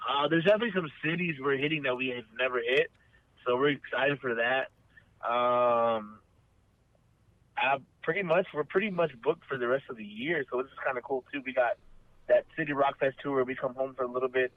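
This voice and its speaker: A man talks earnestly as an interview guest, circling back with restarts and fillers. His voice comes through a tinny, phone-like line with no room sound, and his pitch sits mid-range. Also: a little fast, no echo. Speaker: band member guest. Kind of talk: casual interview chat. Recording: dry, phone-like remote line.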